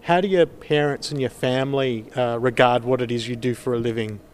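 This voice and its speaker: A man interviewing a comedian on radio, asking measured, thoughtful questions. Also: mid-range voice, fairly even intonation.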